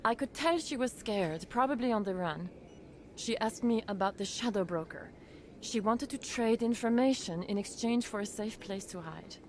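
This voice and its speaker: A woman's voice: a little high, lively intonation, moderate pace, a little hiss or hum, close to an everyday voice. A woman playing an earnest, shaken clinic doctor in a video game. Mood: earnest explaining.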